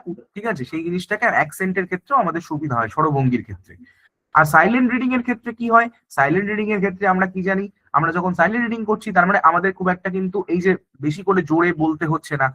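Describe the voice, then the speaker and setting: A male teacher gives an online exam-prep lecture at a brisk clip. His voice sits high and bright. He keeps checking in with the class as he explains. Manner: explains in mixed Bengali and English, repeats "thik ache" often.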